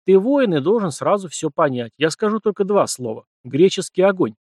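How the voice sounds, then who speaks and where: A man's voice: sits high, sing-song, normal speed, a little mellow, no room sound, studio quality, pitched above the performer's own voice. A man doing a wry, confident warrior.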